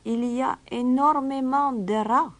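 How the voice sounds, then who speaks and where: A woman voicing a calm, mysterious young male stranger, a piper, in a storybook reading. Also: high voice, slow pace, voice pushed up. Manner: calm, quiet, raised voice.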